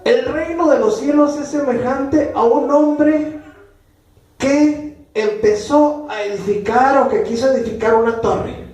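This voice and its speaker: High-voiced emphatic man preaching. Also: measured pace, a little mellow. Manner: emphatic, repeating phrases for effect. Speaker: pastor. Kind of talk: sermon. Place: church. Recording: echoey church room, mic far off.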